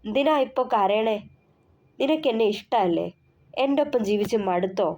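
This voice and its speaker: A stern young husband whose scolding turns to pleading, voiced by a woman reading a story, in a warm, mellow tone. He sounds gruff yet caring throughout an audio novel. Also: fairly high pitch, animated, moderate pace, slight background noise.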